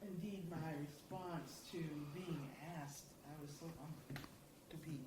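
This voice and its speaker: A woman with a low voice and fairly even intonation speaks at a measured pace about her writing as a contributing poet at a symposium, thoughtful and earnest with small restarts. She sounds distant from the microphone in a very echoey hall, with background noise audible.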